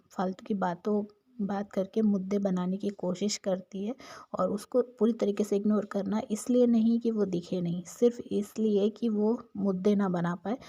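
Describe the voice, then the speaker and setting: A woman's voice: medium pitch, mellow. A woman narrating a casual, opinionated recap of a TV show episode in a chatty storytelling manner.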